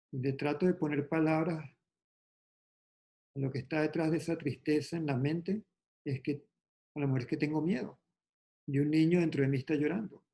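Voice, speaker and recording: A man leading an online meditation class, explaining slowly and gently in a calm, reflective way over a video call. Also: on the high side. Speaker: yoga and meditation teacher.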